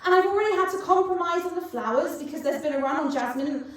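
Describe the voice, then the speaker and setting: Woman acting high-pitched, effusive bride-to-be. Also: animated, moderate pace. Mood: frantic. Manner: effusive, emphatic. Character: devoted, highly strung bride-to-be, chattering and affectionate. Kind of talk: staged rehearsed reading of a comedy drama. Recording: very echoey room, distant microphone.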